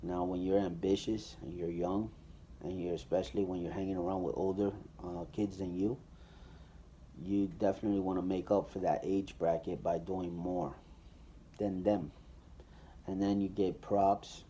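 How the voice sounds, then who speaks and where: A man with a low voice gives a personal testimony. His tone is dark and mellow. He talks loosely and casually, with many fillers and restarts. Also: little pitch movement, moderate pace, a little hiss or hum.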